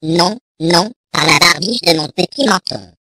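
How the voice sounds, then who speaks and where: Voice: medium pitch, unhurried, noisy background, close to an everyday voice. A reader voicing a clever little pig in a storybook reading, answering with stubborn, cheeky replies.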